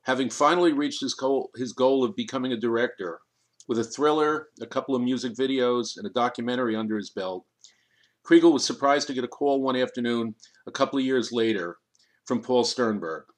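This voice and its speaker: Man reading an audiobook, measured. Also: mid-range voice. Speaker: audiobook narrator. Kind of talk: audiobook narration.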